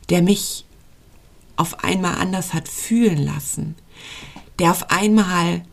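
Earnest German woman with a gravelly voice. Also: lowish voice. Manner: earnest, pleading, speaks straight to the listener. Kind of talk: podcast monologue to the listener.

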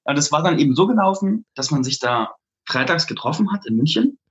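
A man, a flirt coach, telling a lively personal story in an interview, laughing often and acting out what people said. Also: on the high side, brisk, husky, dull audio. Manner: animated, laughs often, acts out quotes.

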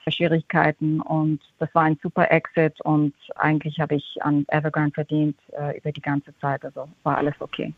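A middle-aged woman with an English-tinged accent, a fund manager answering interview questions haltingly, repeating words and slipping into English terms. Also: low-pitched, completely flat delivery, no echo. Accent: English-tinged German. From half Austrian, half Japanese. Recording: tinny phone-like line.

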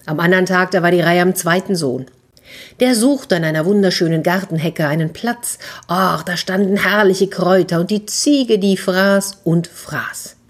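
A woman telling a fairy tale to children in a lively, expressive way. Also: lowish voice, moderate pace. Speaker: storyteller.

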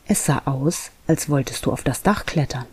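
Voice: medium pitch, moderate pace, darkish tone, breathy edge. A reader voicing a curious, probing bumblebee who keeps asking questions, in an audiobook. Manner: inquisitive, probing, upbeat. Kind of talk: audiobook reading.

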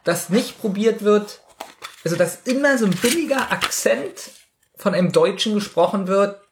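A man's voice: high-pitched, expressive, normal speed. Hesitant man, faint background noise. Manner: hesitant, critical. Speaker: podcast co-host. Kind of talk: casual chat reviewing a radio play.

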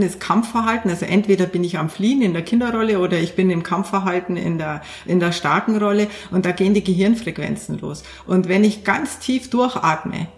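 Coach on a podcast, earnest, lots of ums, echoey room, middle pitch. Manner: earnest, explains with examples, many fillers. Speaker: communication coach, podcast guest. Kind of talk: explanatory interview talk.

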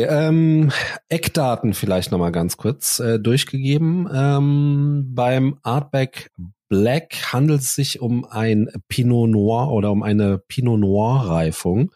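A man co-hosting a podcast in casual chat, open and friendly, often pausing on ums and uhs as he thinks. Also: medium pitch, dark tone, dry recording, clean studio sound. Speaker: podcast co-host.

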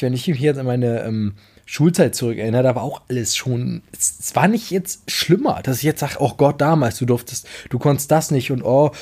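A man's voice: mid-range voice, dark tone. A man from Germany co-hosting a podcast, talking casually and hesitantly with many restarts and fillers. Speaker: podcast co-host. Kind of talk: casual debate chat.

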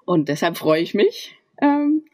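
A woman's voice: on the low side, big pitch swings, unhurried, darkish tone. A woman hosting a podcast, chatting in a casual, upbeat way and often laughing. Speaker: podcast host. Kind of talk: casual interview chat.

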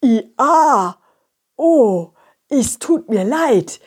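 Woman as a lonely male donkey, husky, lively in pitch, drawn-out sighs. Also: exaggerated voice. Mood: smitten. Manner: sighing and hesitant. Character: lonely, plodding male donkey hauling apples.

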